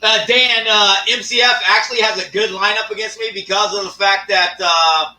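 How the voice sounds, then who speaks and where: A man hosting a live stream, talking casually and ranting with lots of swearing and drawn-out fillers. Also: high voice, fairly even intonation, sharp tone, recorded from a distance. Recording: echoey room, off-mic.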